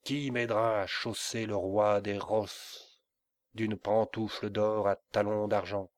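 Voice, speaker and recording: A man playing a loud, sly wandering mollah. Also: lowish voice, flat delivery, slow pace, no echo. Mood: declaiming. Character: boisterous wandering male mollah, bold trickster.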